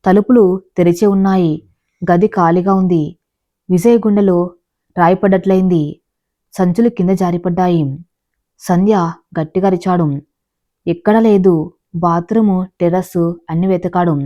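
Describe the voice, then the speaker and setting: Low-voiced woman telling a story. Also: fairly even intonation, unhurried, long pauses, mellow. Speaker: narrator. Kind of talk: storytelling narration. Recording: dull lo-fi recording.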